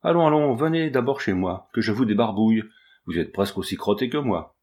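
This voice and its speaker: A man's voice: lowish voice, expressive, a little fast, lightly acted. A man voicing a poor, elderly female ragpicker who talks brusquely but turns kind. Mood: gruff, coaxing. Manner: brusque scolding that softens into kindness.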